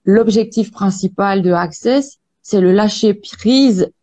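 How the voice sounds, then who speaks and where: Mellow-voiced woman, calm and hesitant. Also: medium pitch. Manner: calm, measured, many hesitations. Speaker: Access Bars practitioner, guest. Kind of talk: interview about energy healing.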